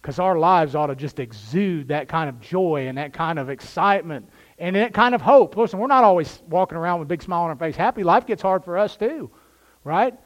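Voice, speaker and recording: High-voiced preacher, loud then hushed. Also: male voice, lively intonation, a little fast. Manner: dynamic preaching, swinging from loud bursts to quiet asides. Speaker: pastor. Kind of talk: sermon.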